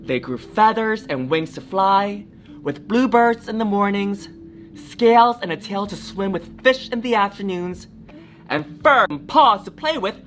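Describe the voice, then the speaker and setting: Theatrical and encouraging, a woman reads a kids' picture book aloud as a drag storytime performer, frequently turning to speak to the young audience. Her voice is mid-range with a fairly bright tone.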